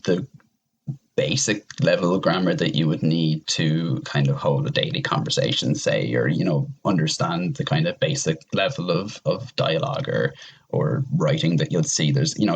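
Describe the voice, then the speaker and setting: A podcast panelist with a low, husky voice explains things in casual chat at a moderate pace, rambling a little, circling back over his points and repeating himself for emphasis. The recording is muffled.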